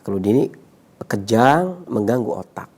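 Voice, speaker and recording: A man's voice: mid-range voice, very animated, moderate pace, a little mellow, breathy edge. A man giving explanatory health advice, repeating himself and often punctuating with a checking tag word. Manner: repetitive, checking with 'ya'. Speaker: herbal health consultant.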